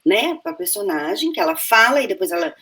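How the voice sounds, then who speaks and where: A woman's voice: on the high side, a little fast. A Brazilian woman, an actress, telling stories in a casual interview, full of restarts and acting out the lines she quotes. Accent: Brazilian Portuguese. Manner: animated, acts out quoted lines, many restarts. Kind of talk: casual conversational storytelling.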